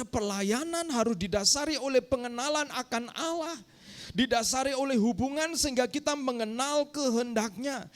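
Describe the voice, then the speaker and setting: Man, high voice, middle-aged pastor, sermon, storytelling preacher. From Indonesia. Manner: storytelling preacher, often addressing the congregation as brothers and sisters.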